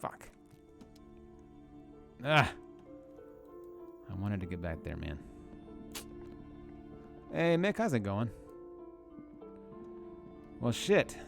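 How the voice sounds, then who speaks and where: A man's voice: on the low side, wildly swooping pitch, drawn-out words, vocal fry, long pauses, over music. A man streaming a video game, reading the game text aloud and making casual, playful comments to his chat, with frequent swearing and laughing.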